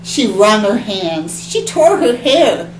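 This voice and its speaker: A woman from the library staff reading children's poems aloud in a clear, expressive storytelling manner. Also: medium pitch, slow pace. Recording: echoey room with background hum.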